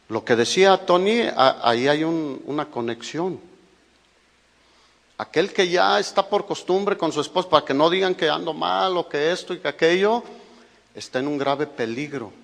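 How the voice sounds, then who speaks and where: A man with a Mexican Spanish accent preaching a sermon as a pastor, emphatic and full of rhetorical questions to his listeners. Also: fairly high pitch. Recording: echoey hall recording.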